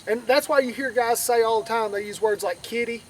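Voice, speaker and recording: A duck calling instructor with a very high-pitched voice gives an informal outdoor tutorial, speaking briskly with fairly even intonation. His manner is folksy and conversational, and he repeats points for emphasis. The mic is distant, with faint background noise.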